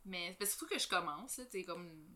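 A woman's voice: fairly low pitch, expressive, normal speed, crowd noise. A woman from Beauce, Quebec, with a Quebec French accent, chatting casually as a podcast guest, full of fillers and laughter. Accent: Quebec French, faint Beauce traces.

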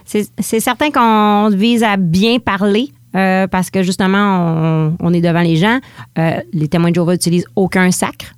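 A woman in her forties with a Quebec French accent talks as a comedian guest in a relaxed, frank way. Her voice sits in a middle register and the recording is dry and close. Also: mid-range voice, normal speed, clean tone, no echo. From Quebec (Lac-Saint-Jean). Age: 40s. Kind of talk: casual interview.

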